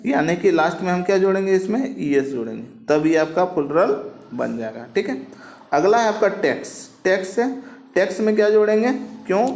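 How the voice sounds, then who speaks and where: A man's voice: on the high side, darkish tone, reverberant. A man teaching a classroom lesson, asking questions and answering them himself, repeating each point. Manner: repetitive, asks and answers himself. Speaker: English teacher. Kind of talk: classroom lecture with rhetorical questions.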